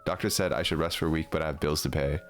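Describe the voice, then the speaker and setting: A man's voice: extremely low pitch, fairly even intonation, racing, a little hiss or hum. A young man streaming a game, chatting casually and mocking himself with frequent laughs. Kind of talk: casual live gameplay commentary.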